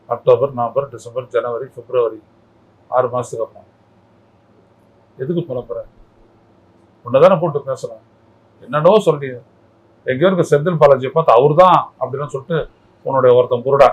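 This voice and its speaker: A man's voice: medium pitch, moderate pace, pauses often, breathy edge, highs cut off. A man talking as a political commentator in a heated interview, combative and mocking, firing off rhetorical questions. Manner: mocking, scolding tone.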